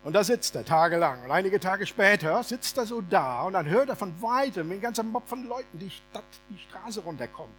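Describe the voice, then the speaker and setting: A male preacher giving a sermon as a lively, humorous, colloquial story. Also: high-pitched, brisk, few pauses, slight background noise.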